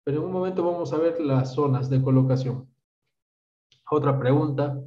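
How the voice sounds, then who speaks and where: His voice slightly high and his pace moderate, a Peruvian doctor in his thirties lectures online and fields questions. He breaks explanations into steps and keeps checking "¿está bien?", speaking with a Peruvian Spanish accent. The audio comes from a video call and is roomy, distant, and dull.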